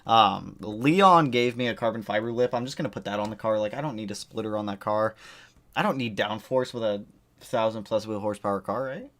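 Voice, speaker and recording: A male livestream host chats casually with viewers, answering them and rambling as he jumps from one topic to the next. His voice sits fairly low, with a fairly bright tone and a brisk pace.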